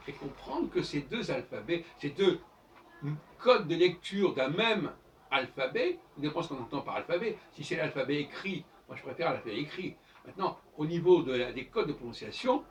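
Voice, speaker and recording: A man's voice: a little high, highs cut off. A man giving an informal lecture as host of his own channel, explaining in a professorial way and spelling out examples letter by letter. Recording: distant mic with faint background noise.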